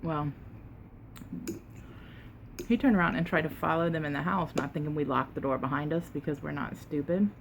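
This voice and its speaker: A woman tells a casual, unhurried story while eating, pausing to chew and sometimes talking with her mouth full, with emphatic retelling. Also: low-pitched, creaky, a little hiss or hum. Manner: unhurried, conversational, emphatic retelling with quoted exchanges. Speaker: mukbang vlogger.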